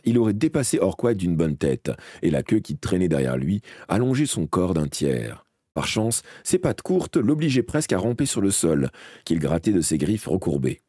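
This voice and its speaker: Deep-voiced man reading an audiobook live. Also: husky, no echo, studio quality. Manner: expressive, with occasional slips and restarts. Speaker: audiobook reader.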